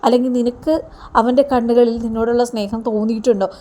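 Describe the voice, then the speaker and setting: A woman's voice: fairly high pitch, level tone, fast talker, dark tone, lightly acted. A woman voicing a worried middle-aged mother pleading with her daughter to give up on a man. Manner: pleading, lecturing.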